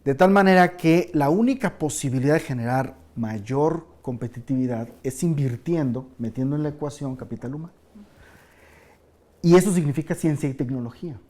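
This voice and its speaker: A man hosting a studio panel, animated and questioning, with frequent fillers. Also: a little high, normal speed. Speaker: talk show host.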